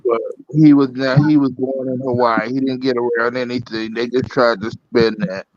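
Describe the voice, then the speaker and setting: A man's voice: medium pitch, steady tone, normal speed, a little mellow. Insistent man from South Carolina, lo-fi. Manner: corrects others, insistent. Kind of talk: casual group chat. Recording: dull lo-fi audio.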